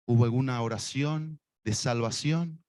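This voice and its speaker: A man's voice: mid-range voice, a little slow, a little mellow, dry recording, studio quality. A man with a Rioplatense Spanish accent preaching an evangelistic sermon and leading listeners in prayer, with fervent, repeated appeals spoken straight to them. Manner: fervent, repetitive appeals, speaks directly to listeners.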